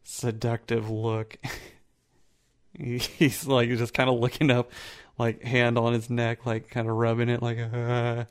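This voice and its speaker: A man's voice: medium pitch, completely flat delivery, unhurried. A man narrating a tabletop game as game master, in a loose, laughing way.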